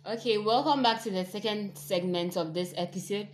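A woman hosting a casual podcast, talking in a measured, advising way. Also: medium pitch, soft background music. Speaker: podcast host.

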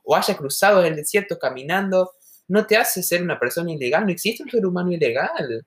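Argentine woman co-host, earnest and reflective, lowish voice. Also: animated, fairly quick. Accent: Argentine Spanish, softened toward neutral. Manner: earnest, reflective, talks at length. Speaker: podcast co-host. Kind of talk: casual podcast conversation.

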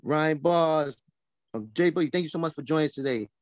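A man hosting a podcast, announcing milestones and thanking guests in a brisk casual way. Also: on the high side, dry recording, muffled recording. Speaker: podcast host.

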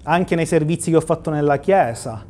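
A pastor preaching a livestreamed sermon in church, asking rhetorical questions and quoting scripture. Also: male voice, fairly high pitch, normal speed, warm tone.

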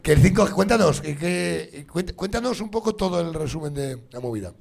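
A man hosting a live comedy game show, teasing his guests with rapid, rambling banter and laughing at his own jokes. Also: fairly high pitch, animated, gravelly, darkish tone. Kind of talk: joking live banter with the audience. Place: stage in front of a live audience. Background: audience laughing.

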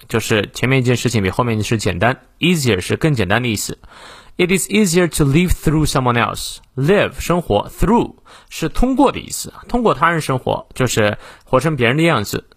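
A man's voice: mid-range voice, a bit bright, dry recording. Man teaching English in a dry close voice. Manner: explains word by word, slows down for English phrases. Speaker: English teacher, host of a morning reading show. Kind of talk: bilingual English lesson.

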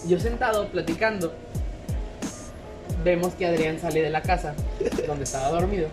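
A man with a Mexican Spanish accent telling a rowdy anecdote in casual, swearing chat, loudly acting out what people said. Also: a little high, normal speed, music in the background. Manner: animated, swearing, acts out quotes loudly. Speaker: podcast co-host telling an anecdote. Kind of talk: casual storytelling among friends.

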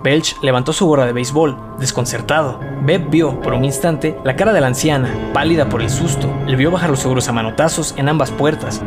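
A man reading a horror novel aloud as an audiobook narrator, in a steady, dramatic manner. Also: medium pitch.

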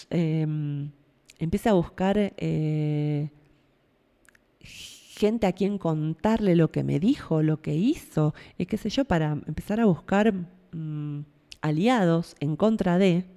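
Low mellow-voiced Argentine woman. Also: long reverb tail. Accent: Argentine, Buenos Aires. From Buenos Aires Province, Argentina. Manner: searching for words, frequent tag questions. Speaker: podcast host. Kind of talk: reflective spiritual talk.

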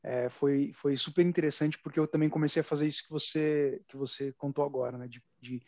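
A man in his thirties hosting a podcast, speaking in a friendly way with many pauses and "é" fillers. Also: on the high side, fairly even intonation, a little mellow, no echo, lo-fi sound. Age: 30s. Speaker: podcast host. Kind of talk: casual podcast chat.

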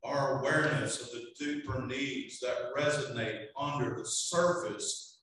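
A man preaching a sermon as pastor, in slow, deliberate phrases that he sometimes draws out. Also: mid-range voice, a bit bright, a little hiss or hum. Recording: very echoey hall, voice from a distance.

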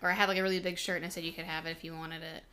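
A woman's voice: low voice, flat delivery, racing, sharp tone. A young woman co-hosting a casual couples podcast, playful and teasing, chatty with lots of fillers. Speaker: podcast co-host.

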